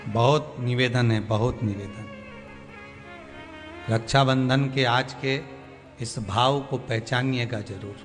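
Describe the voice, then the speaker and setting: A man preaching a devotional sermon, pleading with passion and swinging between loud appeals and soft, quiet lines. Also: medium pitch, steady tone, takes it slowly, pauses often. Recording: long hall reverb with faint music.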